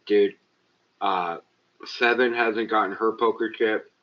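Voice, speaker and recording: Lowish-voiced guy streaming from home, swears a bunch, muffled lo-fi webcam mic. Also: fairly even intonation, takes it slowly. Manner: profane, exasperated, talks straight to chat. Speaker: livestream host. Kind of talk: casual live-stream chat with viewers. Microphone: cheap webcam built-in mic.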